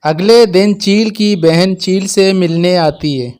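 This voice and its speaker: A man tells a children's cartoon story in calm, steady narration. His pace is unhurried and his voice sits fairly high for a man. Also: clean tone.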